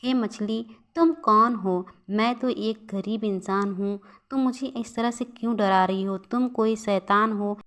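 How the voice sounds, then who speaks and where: A woman's voice: medium pitch, fairly even intonation, measured pace, hardly any pauses, fairly bright tone, lightly acted. A woman voicing a poor, worried village fisherman in a storybook cartoon, with an anxious, pleading manner. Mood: frightened.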